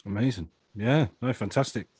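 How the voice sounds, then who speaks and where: A man's voice: fairly low pitch, normal speed, a little mellow, slightly rough, dry recording. A man hosting an interview in a casual, chatty style. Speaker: host.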